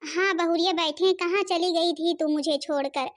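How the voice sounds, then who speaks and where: A woman's voice: very high voice, fairly even intonation, normal speed. A woman voicing a fretful, self-pitying old mother-in-law in a cartoon, complaining plaintively. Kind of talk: Hindi cartoon voice acting.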